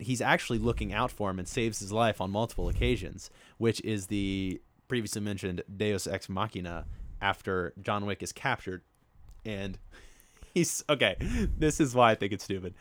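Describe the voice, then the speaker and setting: A man co-hosting a casual movie-review podcast, rambling with lots of ums and quick laughs. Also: on the low side, animated. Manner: laughs often, rambling with many ums and uhs. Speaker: podcast co-host.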